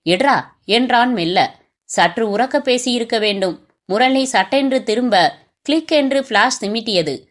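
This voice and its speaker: Woman, fairly high voice, audiobook narrator, crime novel, measured even reading.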